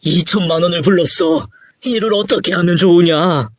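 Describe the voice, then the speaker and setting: A man's voice: high voice, moderate pace, no echo, clean studio sound. A man voicing a stern, worried middle-aged father who scolds his son. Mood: scolding. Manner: nagging, scolding.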